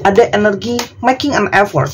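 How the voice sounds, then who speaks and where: A woman from Indonesia doing a tarot reading in a chatty, casual way, sometimes soft and dreamy, sometimes firm. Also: medium pitch, brisk, noisy background. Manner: chatty, soft and dreamy at times, laughing asides. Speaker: tarot reader.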